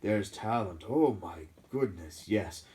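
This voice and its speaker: A man's voice: fairly low pitch, expressive, background noise. A man voicing the musing Sorting Hat. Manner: slow, musing, then bellowing house names. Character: old male magical talking hat, pondering.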